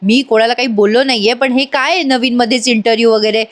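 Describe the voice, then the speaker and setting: A woman's voice: on the high side, quick pace, close to an everyday voice. A woman reading a stern, scolding older brother.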